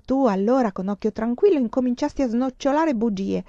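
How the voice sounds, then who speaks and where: A woman's voice: on the high side, brisk, dark tone, no echo, pitched above the performer's own voice, lightly acted. A furious young woman hurls stifled, bitter accusations at a roommate she believes has lied to her, as the narrator puts her on. The voice hisses and cuts hard. The audiobook recording is dry and somewhat dull.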